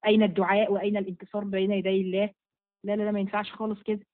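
Over a narrow, phone-like recording, a woman with an Egyptian Arabic accent races through viewers' questions in a live session as a religious teacher. Her medium-pitched voice stays level, and she is firm and motherly, blessing every asker by name.

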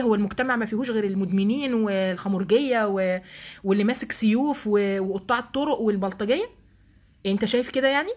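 A woman's voice: fairly high pitch, darkish tone. A woman with an Egyptian accent giving a religious lesson, asking rhetorical questions, checking in with listeners and adding emphatic, affectionate asides. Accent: Egyptian Arabic. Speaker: religious teacher.

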